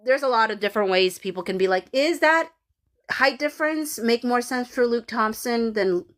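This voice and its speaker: With a Filipino accent and a voice on the high side, this woman, likely in her thirties, hosts a relaxed livestream at a moderate pace and with lively intonation. She works through viewer comments, rambling with lots of fillers and restarts.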